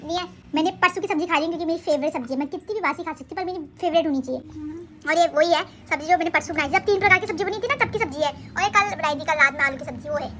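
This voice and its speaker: Very high, fast-chattering young woman vlogger. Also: a bit bright, a little hiss or hum. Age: young adult. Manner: rambling, chatty, self-correcting. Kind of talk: casual home vlog chat. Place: home. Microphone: handheld phone camera.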